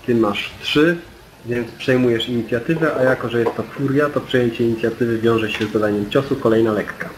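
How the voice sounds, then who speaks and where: A man's voice: mid-range voice, brisk, noisy background. A man acting as game master, steadily explaining dice rules and turn order to the players. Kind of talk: running a tabletop game.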